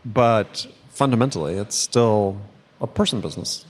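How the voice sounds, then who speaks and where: Low-voiced man hosting, losing his voice. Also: animated, moderate pace. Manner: rambling, self-interrupting, chuckles often. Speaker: podcast host. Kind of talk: casual conversational chat.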